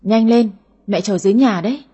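A woman's voice: medium pitch, brisk, warm tone, husky, highs cut off, natural voice. A woman voicing a nagging, fussing middle-aged mother in an audio story. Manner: nagging, complaining.

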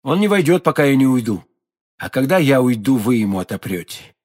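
A man's voice: mid-range voice, very animated, brisk, darkish tone. A man voicing a proud, ardent young nobleman in love, speaking with fervent declamation. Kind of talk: audiobook character voicing.

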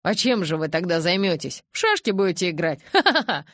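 A woman doing a loud, furious young werewolf man. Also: lowish voice, expressive, brisk, dry recording, clean studio sound, natural voice. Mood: mocking. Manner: loud, mocking then shouting angrily. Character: young man, hot-tempered werewolf friend.

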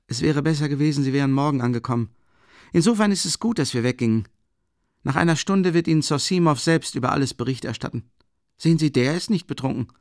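A man reading an audiobook voices a drunk, rapturous young man who babbles in an excitable, gushing rush. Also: a little high, creaky, no room sound, clean studio sound, pitched above the performer's own voice. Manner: excitable, gushing, tumbling speech. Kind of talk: audiobook character voice.

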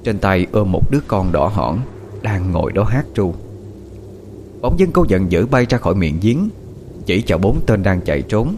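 A man's voice: deep voice, very animated, normal speed, a little hiss or hum. A man narrating a ghost story in a dramatic, suspenseful way. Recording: soft music behind the voice.

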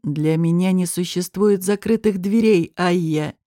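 A domineering man stalks and taunts, as a woman narrator puts him on, his voice dropped low and threatening. The tone is dark and mellow, and the mockery comes slowly. It is recorded close and dry, with no room sound. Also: no room sound, natural voice. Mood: menacing. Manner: low, slow, threatening and mocking. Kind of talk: audiobook character reading.

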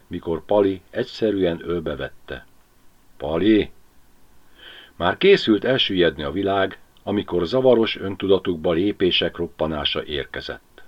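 A man narrating a novel as an audiobook, reading expressively. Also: sits low. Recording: lo-fi home audiobook recording.

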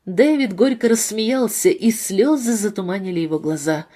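A woman reading a novel aloud in calm, measured scripted narration. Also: mid-range voice. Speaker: audiobook narrator.

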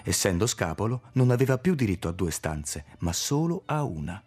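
A man's voice: on the low side, husky, faint music behind. Man reading a literary audiobook. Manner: measured, expressive reading. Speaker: audiobook reader.

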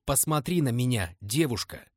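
A man voicing a dying old woman, a fierce former temple dancer, with a slow, solemn, prophetic delivery. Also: mid-range voice, lively intonation, no echo, clean studio sound, close to an everyday voice. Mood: bitter, brooding.

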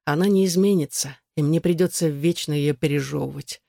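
A reader of an audiobook voicing a weary, gently ironic immortal man who speaks softly and sounds worn out. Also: medium pitch, brisk, vocal fry, dry recording, clean studio sound, natural voice. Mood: weary, resigned.

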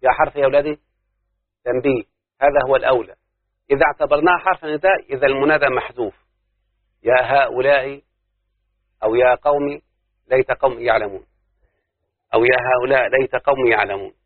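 A man's voice: medium pitch, steady tone, fast, pauses often. An Egyptian man teaches a grammar class, explaining each point step by step and tossing questions to his students. His voice sits in a middle range, and it comes through a thin, phone-like recording with no room echo at all. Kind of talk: classroom lesson on Arabic grammar. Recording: tinny phone-like dry recording.

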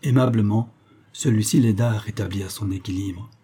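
A man narrating a literary adventure novel in a measured, dramatic storytelling manner. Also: on the low side, mellow, a little hiss or hum. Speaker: audiobook narrator.

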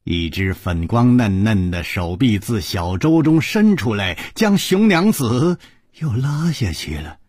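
A man narrating a martial arts novel as a dramatic, slow and highly expressive storyteller. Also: husky, dry recording, studio quality.

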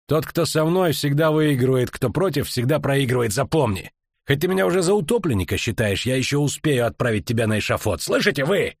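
A man's voice: mid-range voice, expressive, fairly quick, no echo, clean studio sound, voice pushed up. A man reading an audiobook, voicing a menacing middle-aged coroner who drawls with venom and threats. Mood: threatening.

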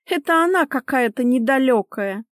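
Shrill whiny young wife, read by a woman. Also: lively intonation, moderate pace, no room sound, clean studio sound. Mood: indignant whiny. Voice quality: high-pitched, whiny, indignant. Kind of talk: audiobook character reading.

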